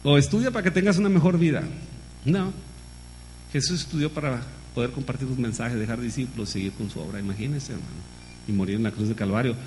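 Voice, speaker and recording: Animated male preacher asking the crowd questions. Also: mid-range voice, fast, a little hiss or hum. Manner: lively, calls listeners "hermano", many rhetorical questions. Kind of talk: sermon.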